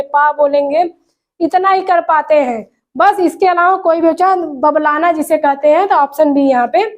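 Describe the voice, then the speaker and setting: Lady teacher, really high voice, reads exam questions slow then explains. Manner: reads questions slowly, explains in Hindi mixed with English. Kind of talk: exam prep lesson.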